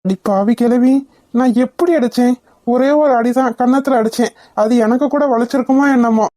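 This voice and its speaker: Brief: indignant young husband in a cartoon, voiced by a woman, mellow tone, bossy. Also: a little high, moderate pace, no room sound, studio quality, natural voice. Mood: scolding. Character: irritable young husband, grandson. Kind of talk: cartoon voice acting.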